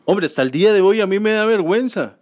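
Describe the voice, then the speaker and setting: Crude self-mocking comedian. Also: male voice, sits high, expressive, fast talker, darkish tone. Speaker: stand-up comedian. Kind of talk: stand-up comedy monologue.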